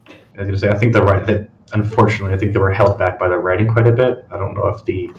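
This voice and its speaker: A man's voice: sits low, little pitch movement, rapid-fire, roomy sound, lo-fi sound, slight background noise. A man on a live game review panel who rambles and says "like" a lot. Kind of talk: casual panel discussion.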